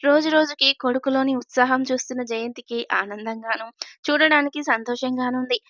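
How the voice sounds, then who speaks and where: A woman narrating a serialized family love story in an even storytelling manner. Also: sits high, brisk, dry recording, studio quality.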